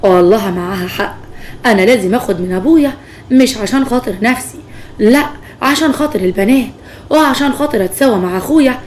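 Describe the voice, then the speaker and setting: A woman's voice: a little high, fast talker, slight background noise, lightly acted. A woman voicing a brooding Egyptian husband who mutters to himself, in an Egyptian Arabic accent, for a spoken story. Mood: resolute. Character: middle-aged man, brooding husband.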